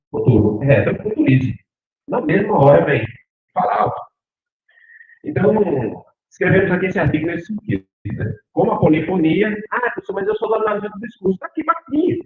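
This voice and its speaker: In an echoey lecture hall, captured with a tinny, phone-like sound, a middle-aged Brazilian professor speaks in a high voice with a Northeastern accent. His academic lecture is lively and animated, and he frequently asks the audience questions.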